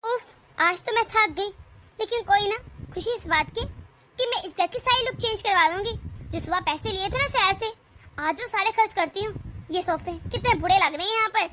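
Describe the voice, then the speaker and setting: A woman voicing a quarrelsome young wife in an animated cartoon, talking in an indignant, scolding way. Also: very high-pitched, moderate pace, slight background noise. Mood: chatty. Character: young quarrelsome wife, sharp-tongued and defiant.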